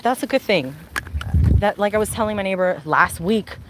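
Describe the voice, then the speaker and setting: A woman's voice: mid-range voice, expressive, normal speed, background noise. A woman chatting casually on a live stream while walking her dog outdoors, rambling and answering viewer comments. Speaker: vlogger and mother.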